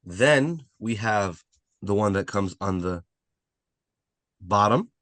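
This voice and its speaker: This man leads a live online class for language beginners, going step by step, repeating key points and often asking "right?" to check understanding. His voice is on the low side and a bit bright, with lively intonation and a slow pace, recorded dry.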